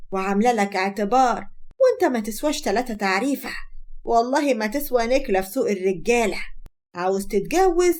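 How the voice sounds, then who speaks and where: A woman voicing a sharp-tongued middle-aged Egyptian mother-in-law who scolds and insults her son-in-law. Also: fairly high pitch, natural voice.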